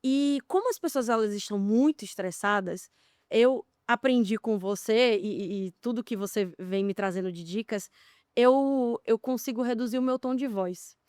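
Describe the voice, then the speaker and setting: Smooth-voiced woman hosting a podcast. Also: a little high, normal speed, no room sound, studio quality. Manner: relaxed anecdotal storytelling, asking questions. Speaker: podcast host. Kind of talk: casual conversational interview.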